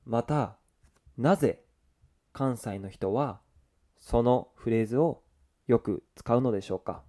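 A man hosting a language lesson, giving a scripted introduction with slow, careful enunciation for learners. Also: medium pitch, warm tone. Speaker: host of a Japanese learning show.

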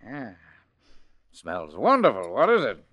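A man's voice: mid-range voice, wildly swooping pitch, slow pace, fairly bright tone, exaggerated voice. An actor playing a proud, cheerful middle-aged father in a 1940s radio drama. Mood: jovial.

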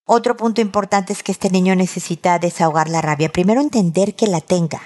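A woman counsels a caller on raising children. She is warm but firm in her advice. Now and then she acts out a scene between a mother and her child. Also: lowish voice, fairly quick. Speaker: advice show host.

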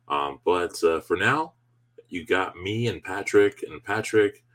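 A man's voice: low voice, animated, slow, a bit bright. A man hosting a conversational sports podcast, introducing segments and putting questions to a co-host.

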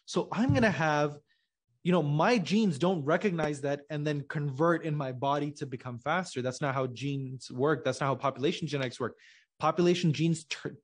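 A man's voice: a little high, moderate pace, breathy edge. A man from Pakistan, a company co-founder guesting on a podcast, explaining patiently and checking in with his listener. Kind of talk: casual conversational interview.

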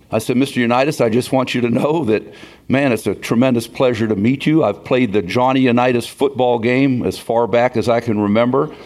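A man's voice: mid-range voice, a little mellow. A man in his sixties from Pennsylvania, emceeing a banquet and telling stories in a folksy way that builds to a punchline. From Beaver Falls, Pennsylvania. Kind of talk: storytelling speech at a banquet.

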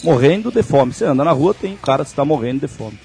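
A man's voice: a little high, animated, fast talker, creaky, warm tone, soft background music. A man co-hosting a casual sports podcast, rambling and joking as he talks. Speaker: podcast co-host.

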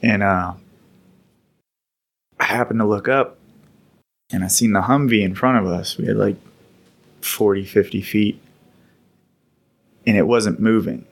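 A man's voice: on the low side, a little slow, long pauses. A man casually recounting stories from his military service on a podcast, in a rambling, laid-back way with occasional laughs. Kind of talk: casual storytelling.

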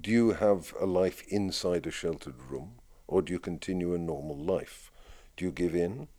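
A man who leads prayers for his community answers interview questions in a lively, storytelling style, laughing often. His voice is low and his pace is normal.

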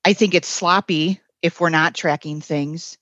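A woman's voice: low voice, steady tone, measured pace, a bit bright, dry recording, lo-fi sound. A woman, a guest on a podcast, explaining her points frankly with some fillers. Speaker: health system ethics executive, guest. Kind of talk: conversational interview answer.

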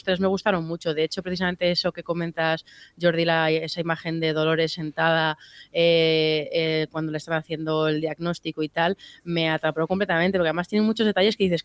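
A woman's voice: lowish voice, clear, resonant tone, no room sound. A woman from talking in a casual podcast chat, rambling and searching for words. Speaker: podcast co-host.

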